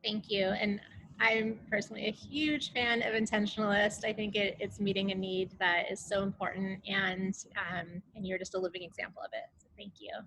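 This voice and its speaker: A woman moderating a panel discussion over a video call, talking in a friendly, halting way with many fillers. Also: medium pitch, steady tone, bright, forceful tone, a little hiss or hum, low-quality recording.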